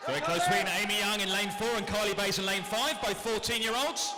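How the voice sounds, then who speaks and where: A man announcing a swimming meet over a PA system, reading lanes, names and times briskly and matter-of-factly, with race commentary. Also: high voice, steady tone. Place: indoor swimming pool hall. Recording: echoey PA sound in a large hall, with noise.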